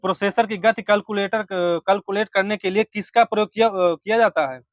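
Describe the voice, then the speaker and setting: A man teaching a class, firing quiz questions at students and briskly confirming or correcting their answers. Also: high-pitched, steady tone, no echo.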